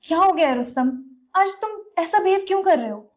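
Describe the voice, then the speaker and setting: A woman's voice: extremely high pitch, lively intonation, brisk. An actress playing a defiant young wife who scolds her husband indignantly.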